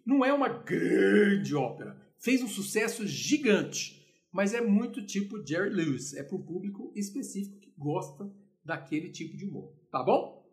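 A man from Brazil giving an informal music lesson, retelling the story in a lively way and acting out the quotes. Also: high voice, normal speed. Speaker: music lecturer.

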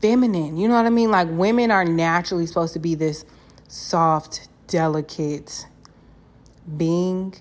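A woman's voice: on the low side, fairly even intonation, measured pace. A young woman chatting casually as a solo podcast host, candid and slangy, swearing freely and repeating phrases for emphasis. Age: young adult.

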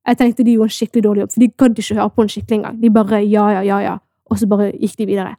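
A young woman with a Bergen Norwegian accent, co-hosting a podcast and telling stories in animated, casual chat with English words mixed in. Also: mid-range voice, no echo, clean studio sound. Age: young adult. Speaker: podcast co-host.

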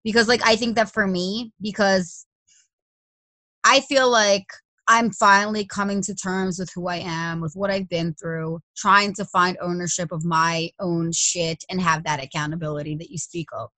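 Bright, blunt, cursing woman. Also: on the low side, steady tone, moderate pace, no room sound, rough recording. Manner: blunt, profane, emphatic. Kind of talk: casual conversation.

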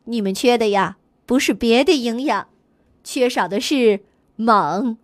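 A woman's voice: a little high, measured pace, dry recording, clean studio sound, voice pushed down, close to an everyday voice. A woman voicing a wise male monkey doctor who explains things knowingly in a storybook.

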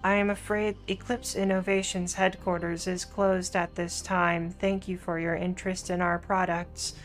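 A woman voicing a security camera's automated voice, flat and monotone. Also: fairly low pitch, moderate pace, soft background music, natural voice.

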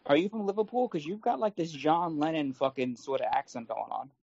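A gravelly-voiced man butts into a podcast chat with blunt, profane remarks. His voice sounds dull and lo-fi. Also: a little high, brisk, darkish tone, a little hiss or hum. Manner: crude, blunt, swears freely. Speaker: podcast co-host. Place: New York.

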